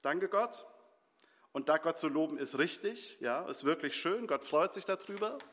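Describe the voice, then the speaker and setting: A man's voice: a little high, lively intonation, normal speed, a bit bright. A man preaching a sermon with earnest, repetitive phrasing, leading his congregation into prayer. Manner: earnest, builds in repeated short phrases. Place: church hall. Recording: long reverb in a hall, faint music.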